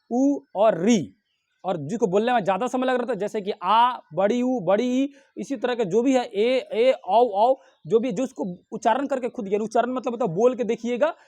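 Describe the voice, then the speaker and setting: A man's voice: very high voice, a little mellow, no echo. A young man teaching an online grammar class, asking questions and answering them himself, sounding out letters one by one. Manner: explains step by step with repeated questions and answers.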